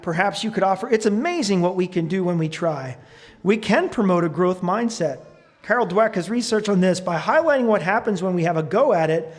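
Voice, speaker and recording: A man preaches in a church, his voice sitting noticeably high for a man. He talks earnestly and reads quoted advice aloud, pausing now and then with fillers as he gathers his thoughts. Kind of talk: sermon. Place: church sanctuary.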